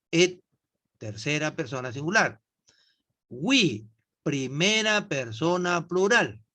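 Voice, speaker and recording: Slow, patient male English teacher. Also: fairly high pitch, pushed and bright. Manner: slow, patient, asks students questions. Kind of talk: online class explanation.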